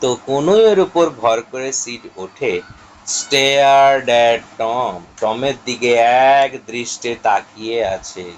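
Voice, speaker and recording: Slow-talking male teacher explaining a text. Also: mid-range voice, slight background noise. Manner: slow, explanatory, mixes English lines with translation. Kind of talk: lecture explaining a prose text.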